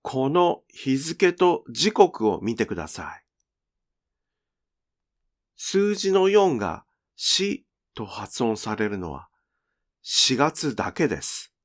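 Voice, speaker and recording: Slow, animated male pronunciation teacher. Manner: slow, clear, teacherly with lively pitch. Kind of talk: scripted lesson narration.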